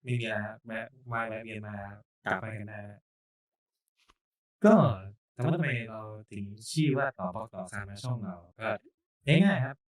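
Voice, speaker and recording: A podcast host introduces a channel in a casual, informal chat full of jokes. He speaks at normal speed in a medium-pitched voice with lively intonation.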